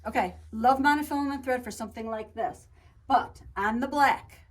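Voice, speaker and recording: A woman giving a casual show-and-tell tutorial on her quilting projects, chatty, talking fast and a lot with frequent restarts. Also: on the high side. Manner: chatty, talks fast and a lot, self-interrupting. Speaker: quilt shop co-owner showing projects.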